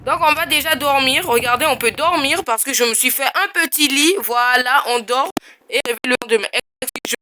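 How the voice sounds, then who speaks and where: A woman chatting casually to her viewers while playing a survival game, excitable and quick to squeal with surprise. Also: high-pitched. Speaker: gaming YouTuber. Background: game music.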